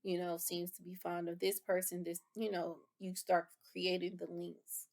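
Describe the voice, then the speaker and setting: Woman instructor, explains and rephrases terms, fry-heavy voice. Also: fairly low pitch, level tone, normal speed, a little mellow. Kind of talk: lecture review.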